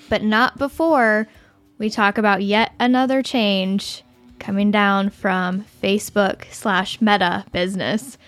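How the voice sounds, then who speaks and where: A woman co-hosting a podcast, talking in a chatty, self-deprecating way with fillers, over a remote call microphone. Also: mid-range voice. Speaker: podcast co-host. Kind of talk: casual podcast chat.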